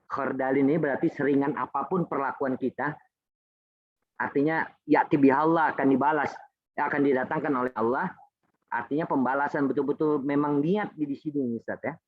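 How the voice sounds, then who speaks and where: A man in a scripture study group reflects aloud in a mid-range voice. He is thoughtful and halting, often pausing to find his words. The call sounds dull and lo-fi, and dry. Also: medium pitch, fairly even intonation, no echo. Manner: thoughtful and halting, with fillers and restarts. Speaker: participant in a study session.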